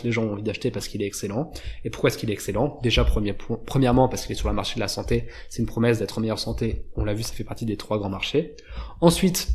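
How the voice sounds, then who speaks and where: A man talks straight to his viewers, breaking down why an ad works. His tone is informal and chatty, his pitch sits in the middle, and he often restarts his sentences mid-thought. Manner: informal, conversational, frequent fillers and self-corrections. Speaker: YouTube marketing educator. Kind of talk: casual explainer on camera.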